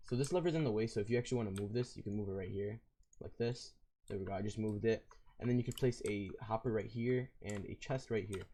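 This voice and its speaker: In a casual, rambling step-by-step tutorial, a video game creator walks through a game build, using fillers and correcting himself along the way. He is hoarse and losing his voice, which is raspy, lowish and mellow.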